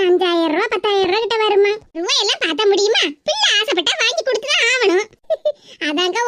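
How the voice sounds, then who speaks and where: A woman's voice: very high-pitched, dry recording, studio quality. A woman voicing a sly, scheming younger sister in a cartoon, coaxing and mock-tearful, with a Tirunelveli Tamil accent.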